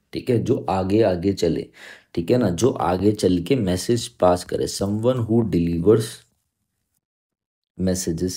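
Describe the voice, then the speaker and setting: A man's voice: fairly low pitch, mellow. A man teaching an exam-prep English vocabulary lesson, explaining in Hindi mixed with English, spelling words out letter by letter and often checking understanding. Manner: emphatic, repeats "theek hai" to check understanding.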